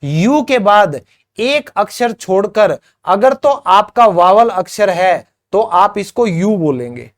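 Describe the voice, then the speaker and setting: A man's voice: sits high, expressive. A man teaching English pronunciation, saying each example word on its own and then explaining it, and talking directly to his viewers. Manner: slow, deliberate word-by-word drilling with glosses; addresses viewers as friends, asks them to comment. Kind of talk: spoken English pronunciation lesson.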